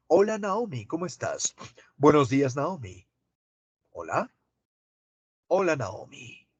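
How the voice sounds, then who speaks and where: A man teaching an online class, asking students drawn-out questions. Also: fairly high pitch, husky, no echo.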